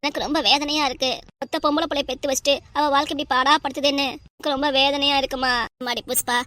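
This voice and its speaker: A woman's voice: sits high, flat delivery, fast talker, sharp tone. A woman voicing a scolding, emotional middle-aged mother in a cartoon, with a southern Tamil accent and a nagging way of talking. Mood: grieving. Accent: southern Tamil, Tirunelveli.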